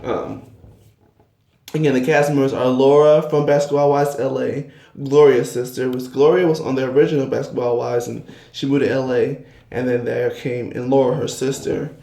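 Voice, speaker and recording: A man's voice: mid-range voice, little pitch movement, normal speed, gravelly, dark tone. A man from Georgia chatting casually about reality TV as a vlogger, rambling with many fillers. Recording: echoey room.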